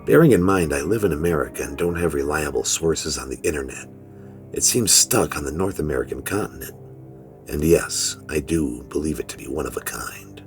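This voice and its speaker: In a horror story narration, a man with a low, gravelly voice plays a weary, fearful middle-aged father making a grave, measured first-person confession. His delivery is expressive over faint background music, with a grave, wary mood.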